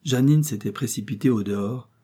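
A man narrating a novel as an audiobook in measured, even storytelling. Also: mid-range voice, husky.

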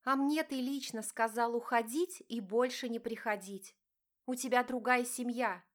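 A woman's voice: a little high, moderate pace, a bit bright, lightly acted. A woman voicing an indignant young heroine in an audiobook, speaking sharply and heatedly. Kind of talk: audiobook narration.

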